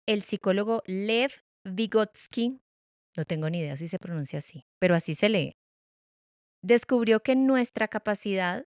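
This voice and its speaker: A middle-aged woman talks through a reflective podcast monologue, recorded close and dry with no room sound. Her pitch sits in the middle, and she moves between slow, weighty phrases and quick, self-mocking asides. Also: no echo. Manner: expressive, playful, varies pace and loudness, stumbles self-mockingly. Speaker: podcast host.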